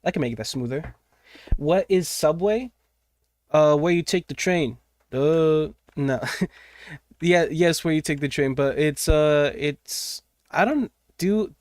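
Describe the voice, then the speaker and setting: While sketching live, a young man keeps up a casual stream chat, rambling, cursing, and mumbling to himself. His voice is a little high with a darkish tone, recorded in studio quality with no room sound.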